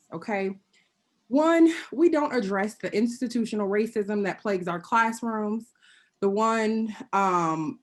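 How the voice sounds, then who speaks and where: A woman speaking as a panelist on a video call, delivering prepared remarks. Her tone is earnest and pointed, broken by wry asides, and she sometimes pauses to clear her throat. Her voice sits at a middle pitch. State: occasionally choking and clearing throat.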